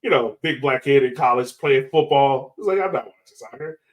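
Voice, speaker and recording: An American man in his thirties hosts and interviews on a casual podcast, rambling in a jokey, slangy way. His voice is mid-range and brisk.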